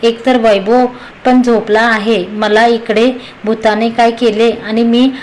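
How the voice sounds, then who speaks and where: Woman narrator voicing a timid young wife, anxious, high voice. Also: little pitch movement, slow pace, darkish tone, slight background noise, rough recording. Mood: frightened. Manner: anxious, talking to herself.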